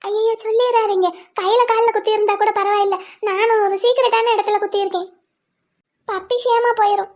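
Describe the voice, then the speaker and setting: A woman's voice: very high-pitched, fairly even intonation, brisk, darkish tone, slight background noise. A woman voicing a sweet, clingy young wife in a cartoon, pleading and childlike. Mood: coaxing. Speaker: cartoon voice actor. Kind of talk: cartoon voice acting.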